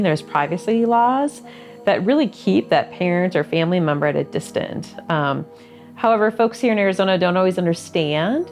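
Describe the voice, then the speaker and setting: A woman advocate with a fairly low voice, laying out information in a clear, plain way. Faint music runs in the background. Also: a little mellow. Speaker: mental health advocate. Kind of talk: documentary interview.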